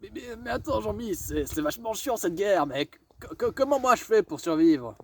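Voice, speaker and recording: In an amateur comedy sketch for a school history video, a teenage or young adult man clowns as a dim-witted sidekick, stammering through questions. His voice is high and sing-song at normal speed, and the homemade recording has faint noise.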